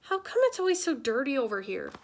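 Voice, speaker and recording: Woman doing a whiny, high little boy. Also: sing-song, a little fast. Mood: questioning. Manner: whiny questioning tone. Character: young boy, curious and complaining.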